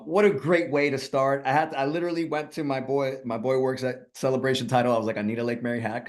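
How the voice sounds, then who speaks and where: A man's voice: on the low side, a little mellow. A man from Puerto Rico giving a rallying, conversational presentation on a video call as a guest speaker, with many fillers. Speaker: guest speaker, real estate team leader. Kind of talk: energetic motivational presentation.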